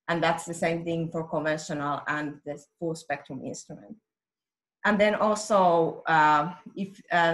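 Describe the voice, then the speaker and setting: A woman's voice: low-pitched, a bit bright. A woman with a Finnish accent, a technical application scientist giving a webinar presentation, explaining steadily with frequent "uh"s and small self-corrections. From Finland.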